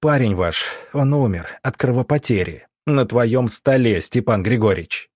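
A man voicing a furious, righteous doctor who accuses a liar, with a husky voice. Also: medium pitch, expressive, moderate pace, darkish tone, dry recording, studio quality. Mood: angry. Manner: angry, accusing.

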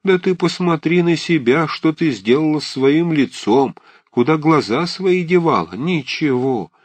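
A man's voice: fairly high pitch, expressive, unhurried, no echo, pitched above the performer's own voice. Man voicing a fussy, blunt old auntie. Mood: agitated. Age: older. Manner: agitated, scolding, emphatic. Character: fussy, blunt elderly aunt, warm-hearted. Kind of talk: audiobook character reading.

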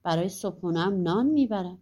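A woman's voice: on the low side, expressive, mellow. A woman reading a bragging glutton man. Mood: offhand. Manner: offhand, bragging. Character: huge-appetite male bread eater.

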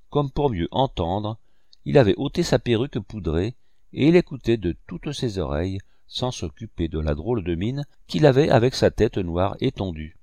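A man reading a classic novel aloud as an audiobook narrator, with expressive storytelling. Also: lowish voice, dry recording, studio quality. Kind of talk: scripted narration.

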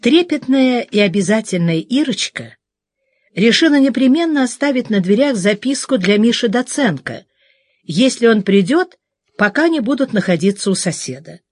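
Brief: woman narrator, lively and expressive pitch, dry close studio sound, measured reading. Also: no room sound. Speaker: audiobook narrator. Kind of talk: scripted narration.

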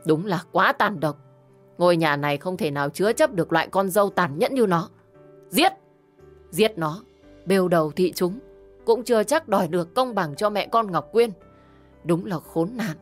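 A woman's voice: fairly low pitch, lively intonation, normal speed, soft background music. Woman doing a furious old patriarch. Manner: shouting, condemning. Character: older man, furious household patriarch.

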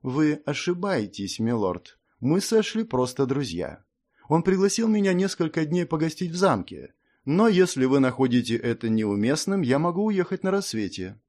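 A man's voice: on the high side, animated, moderate pace, few pauses, darkish tone, pitched above the performer's own voice, lightly acted. A man doing a cold proud young sorceress. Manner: dry, icy, clipped.

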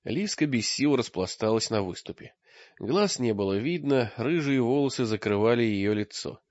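A man reading an audiobook in expressive scripted narration, recorded with a dull lo-fi sound. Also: mid-range voice, normal speed, no echo. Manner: lively, expressive storytelling.

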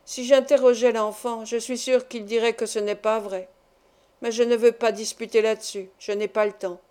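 A woman gives voice to an old travelling showman, stern yet gentle, speaking with calm firmness. Her tone stays mellow and soft-edged in this storybook reading. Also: fairly high pitch, moderate pace, clean tone, close to an everyday voice. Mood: firm. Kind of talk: audiobook reading.

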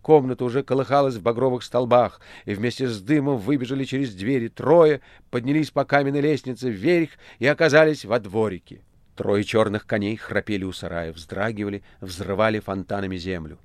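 A man narrating a literary audiobook in a dramatic, expressive reading. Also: medium pitch, a little fast, dry recording, studio quality.

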